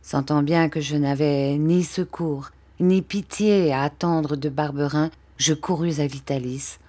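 A woman narrates a classic storybook in a low, deep-set voice. She reads slowly and clearly, letting each phrase settle. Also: steady tone, darkish tone. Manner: slow, clear reading. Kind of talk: storybook reading.

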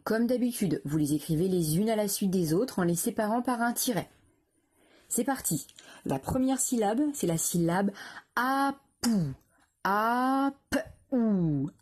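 Female teacher, patient dictation, soft husky tone, lively pitch. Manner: slow, careful, syllable-by-syllable dictation with repetitions. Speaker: primary school teacher. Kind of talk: dictation lesson for young pupils.

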